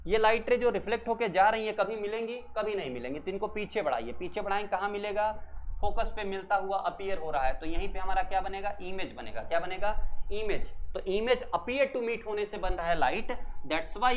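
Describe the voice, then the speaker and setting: A male physics teacher explaining at a board, asking questions, answering them himself and saying each rule slowly word by word. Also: high voice, a little hiss or hum. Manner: asks questions and answers them himself, calls students beta; says rules slowly in English, word by word.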